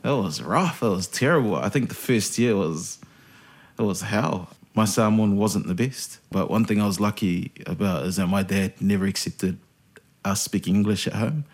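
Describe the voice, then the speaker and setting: A man from New Zealand speaks at a moderate pace with a fairly low pitch. He's a podcast guest and radio host, telling stories in a relaxed, self-deprecating way during a casual interview chat.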